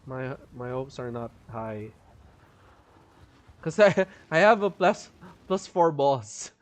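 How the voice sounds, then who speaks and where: This is live gameplay commentary from a man with a mid-range voice, animated yet slow. He chats casually, laughs often and goes into the details of his build. He sounds strained and keeps a cough held back.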